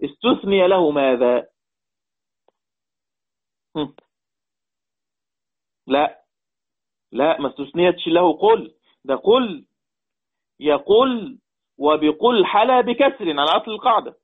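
A man's voice: a little high, animated, slow pace, long pauses. A man with an Egyptian Arabic accent teaching a Quran recitation lesson. He repeats points and quizzes his students. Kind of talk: online lesson explaining readings. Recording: tinny phone-like line.

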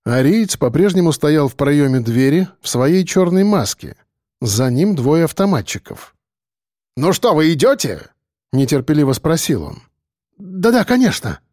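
A man reading a story aloud as narrator, in a dramatic, expressive manner. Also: medium pitch, dry recording, clean studio sound. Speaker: audiobook narrator. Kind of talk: scripted narration.

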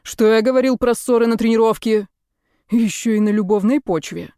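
A woman's voice: medium pitch, a little fast, warm tone, no room sound, clean studio sound, natural voice. A woman voicing a strict male sports coach who barks orders. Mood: stern. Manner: barking orders.

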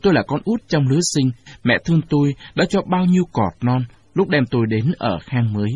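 A man with a husky voice narrating a storybook audiobook in a measured, expressive way. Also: medium pitch, no echo. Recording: dull lo-fi recording.

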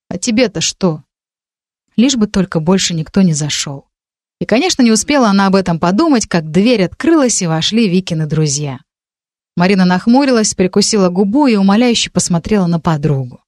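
A woman narrating a fantasy novel for an audiobook in an even storytelling manner. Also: medium pitch, dry recording, studio quality.

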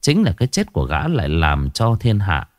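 Low-voiced man telling a ghost story. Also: a little fast, no room sound, clean studio sound. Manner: dramatic, expressive reading. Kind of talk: scripted ghost story narration.

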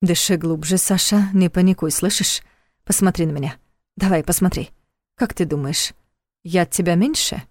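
A woman voicing a calm, steady man who soothes a frightened friend in a firm, reassuring way. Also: lowish voice, normal speed, no echo, clean studio sound, close to an everyday voice. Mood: soothing.

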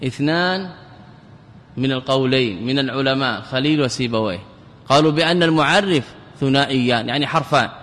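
A man teaching grammar as a sheikh. He poses rhetorical questions, answers them himself, and slowly repeats key words for emphasis. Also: medium pitch, a bit bright. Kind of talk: classical Arabic grammar lecture. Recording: long reverb of a large hall.

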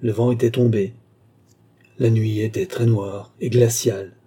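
A man narrating a literary novel in a steady, even reading. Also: on the low side, unhurried, husky. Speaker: audiobook narrator.

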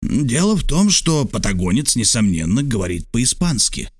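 A man voicing a calm, dryly ironic military major in an audiobook. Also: mid-range voice, normal speed, no echo, studio quality. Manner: calm, teasing. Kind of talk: audiobook character voice.

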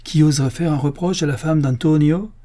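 A man's voice: fairly high pitch, brisk, mellow, voice pushed up, natural voice. A man voicing a devoted, proud young Corsican man who speaks earnestly and pleads in an audiobook tale.

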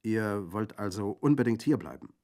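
A man's voice: lowish voice, expressive, normal speed, darkish tone, pitched above the performer's own voice, close to an everyday voice. A man voicing an earnest, courteous young lieutenant in a radio reading.

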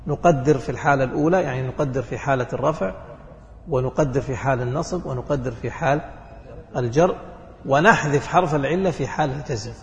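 A man's voice: mid-range voice, fast, in a large hall, lo-fi sound, slight background noise. A man teaching a grammar lesson, asking questions and answering them himself. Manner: asks questions then answers them, checks understanding. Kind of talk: classroom lesson.

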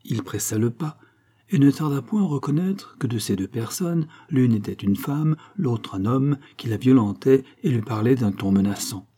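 A man reading a classic novel aloud as an audiobook narrator, in a steady, measured way. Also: medium pitch, husky. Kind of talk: scripted narration.

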